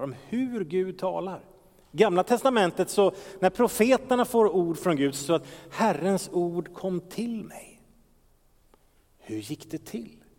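A man's voice: high-pitched, a little mellow. A man preaching a sermon as pastor, asking rhetorical questions and sometimes dropping into a whisper. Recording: long reverb of a large hall.

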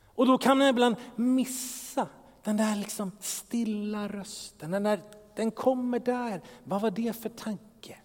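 A man's voice: high-pitched, darkish tone. A man preaching a sermon as pastor, asking rhetorical questions and sometimes dropping into a whisper. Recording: long reverb of a large hall.

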